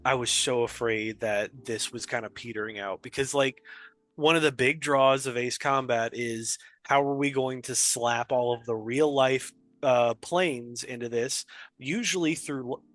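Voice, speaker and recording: A man's voice: medium pitch, measured pace, fairly bright tone, no echo. Man, podcast co-host, casual gaming chat, enthusiastic, rambling, dry recording.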